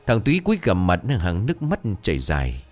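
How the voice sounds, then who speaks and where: A man narrates a horror story in a low voice with dramatic, measured delivery. His pitch rises and falls widely, and soft music plays underneath. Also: wildly swooping pitch.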